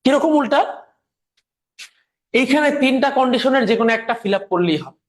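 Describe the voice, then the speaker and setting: A man teaching a grammar lecture slowly and patiently, repeating his examples while speaking through a sore throat. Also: extremely high pitch, animated.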